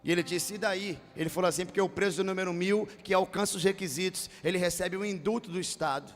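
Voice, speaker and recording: A man with a Brazilian Portuguese accent preaching a sermon as pastor, moving from told stories to shouted, half-sung preaching. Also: high voice, fairly even intonation, fast, in a large hall. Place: large church hall.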